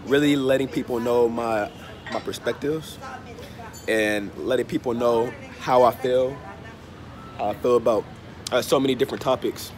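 At medium pitch and with fairly even intonation, a stuffy-nosed travel vlogger in his thirties talks to camera in an unhurried, repetitive way, plainly feeling ill. His phone is at arm's length in an open-air hostel bar or cafe, where traffic and street ambience make it noisy.

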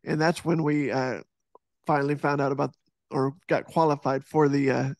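A man's voice: mid-range voice, steady tone, normal speed, a little mellow, no echo, studio quality. A man in his thirties from Texas, a podcast guest talking earnestly over a video call, with frequent restarts and fillers. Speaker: podcast guest, fitness instructor and author. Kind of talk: casual video-call interview. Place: home room with poster behind. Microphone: headset mic on boom arm over video call.

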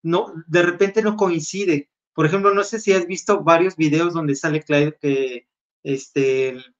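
A man's voice: on the high side, steady tone, measured pace. A man co-hosting a casual gossip chat, easygoing and chatty. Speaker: show co-host. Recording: dull lo-fi sound.

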